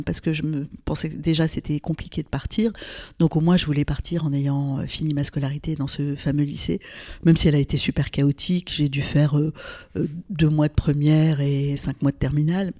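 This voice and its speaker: A low-sitting, mellow female voice with fairly even intonation and a slightly fast pace. She's an older Lebanese gynecologist appearing as an interview guest, speaking thoughtfully but with frequent hesitations and restarts in a reflective conversation.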